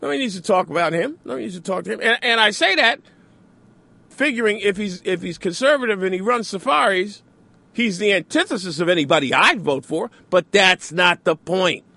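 Sarcastic New radio host, high and lively. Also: male voice, a little fast, vocal fry, no room sound. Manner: sarcastic, mocks opponents in mimicking asides. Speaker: radio talk show host. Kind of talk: opinionated radio monologue.

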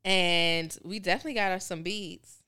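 A woman in her late twenties chatting on a podcast, telling candid stories. Her voice is bright and smooth, sitting a little low. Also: steady tone, moderate pace. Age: 20s. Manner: laughing, candid storytelling. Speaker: podcast co-host. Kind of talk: casual chat.

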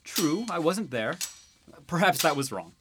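A man's voice: fairly high pitch, sing-song, unhurried, background noise. A man voicing a cocky, teasing young prince and husband in a student radio drama.

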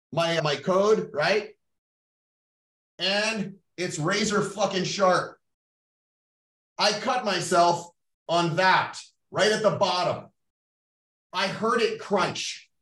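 A man's voice: sits high, takes it slowly, long pauses, fairly bright tone. A middle-aged Canadian man hosting a podcast, talking bluntly and profanely in a motivational coaching tone. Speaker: podcast host. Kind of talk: motivational monologue. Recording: roomy sound, mic at a distance.

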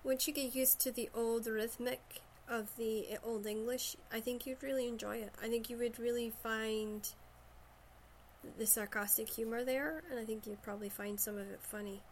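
A woman's voice: on the high side, steady tone, normal speed, a little hiss or hum. A woman from Shetland with a Shetland Scottish accent, chatting casually about books. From Shetland, Scotland.

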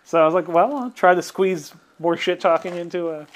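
A man's voice: high voice, brisk. Nasal-voiced man, rambling podcast co-host. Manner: rambling, self-deprecating, gets excited. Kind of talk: casual chat.

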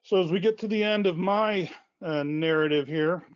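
A man's voice: high voice, normal speed, clean tone. A man losing his voice, speaking informally as a university wireless lead on a webinar, with many fillers and self-corrections. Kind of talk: conversational webinar presentation. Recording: dull, dry lo-fi web audio.

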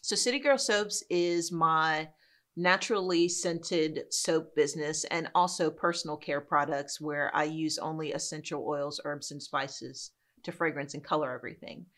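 A woman from New York City, a guest in a casual interview, telling her story in a relaxed, self-deprecating way. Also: low voice, moderate pace. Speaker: guest, soap business owner.

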